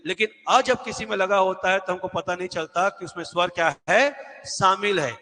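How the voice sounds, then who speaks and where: Speaking at normal speed in a high, bright voice, a male Hindi teacher runs an exam-prep session. He asks and then answers his own questions, repeating key words as the echoey room's long reverb follows each line.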